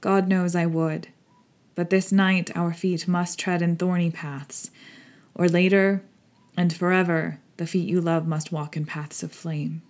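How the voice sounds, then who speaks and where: A woman's voice: fairly low pitch, level tone, measured pace, darkish tone. A woman voicing a stern yet kind elderly male professor in an audiobook, solemn, earnest and formal. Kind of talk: audiobook character acting.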